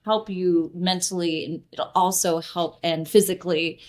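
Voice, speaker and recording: A woman in her fifties hosts a relaxed podcast chat in a slightly low voice. She encourages her guest and steers the talk along. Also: normal speed. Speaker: podcast host. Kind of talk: casual podcast interview.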